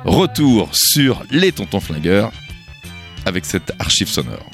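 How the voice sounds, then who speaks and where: A middle-aged man presenting a radio show unscripted, in a halting, hesitant way. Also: deep voice, very animated, fairly bright tone, faint music behind. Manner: hesitant, stretching out words. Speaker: radio host.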